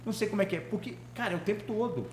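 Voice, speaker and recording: A man's voice: high-pitched, rapid-fire. A man with a Brazilian Portuguese accent co-hosting a podcast, chatting about football in a conversational way and often asking questions. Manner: conversational, asks questions, many fillers. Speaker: podcast co-host. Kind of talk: casual sports chat. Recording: echoey room with faint background noise.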